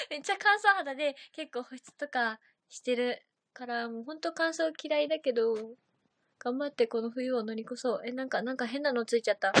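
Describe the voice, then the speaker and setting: A woman's voice: high-pitched, a bit bright, no room sound. A young woman chatting casually on a livestream, reading out viewer comments and giggling often. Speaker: idol livestream host.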